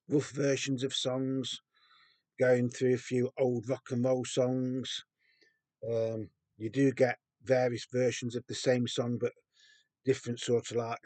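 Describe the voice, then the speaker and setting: A man's voice: mid-range voice, dark tone, no room sound. A man, in his fifties or older, chatting casually about a record from his collection, with frequent ums and restarts. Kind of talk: casual show-and-tell.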